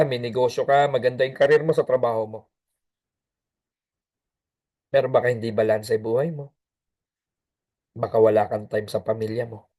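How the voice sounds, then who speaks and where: A man's voice: medium pitch, darkish tone. A man giving an emphatic, preachy motivational business talk, calling the listener brother.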